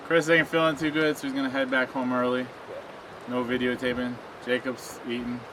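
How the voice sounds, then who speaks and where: A man's voice: mid-range voice, flat delivery, normal speed. A man hosting a camping vlog, chatting in an easygoing, joking way outdoors. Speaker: vlog host. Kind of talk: casual vlog chat. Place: outdoor campsite. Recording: noisy outdoor camera audio.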